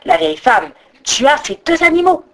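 Lively woman storyteller. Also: sits high, moderate pace. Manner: expressive, with sung-out sound effects. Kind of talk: storybook narration.

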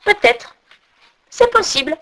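A woman's voice: extremely high pitch, big pitch swings, slow, a bit bright, pitched above the performer's own voice, exaggerated voice. A woman voicing a talkative female crow in a storybook reading, chatty and explaining at length. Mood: musing. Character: talkative old crow, female, know-it-all.

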